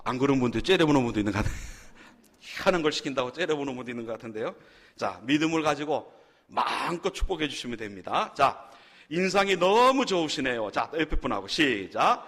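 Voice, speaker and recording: A man's voice: mid-range voice, a bit bright. A male pastor leading a Wednesday sermon, coaching the congregation to repeat phrases after him and joking with them. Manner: leads call-and-response phrases, jokes with the congregation. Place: church sanctuary. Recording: long hall reverb in a church.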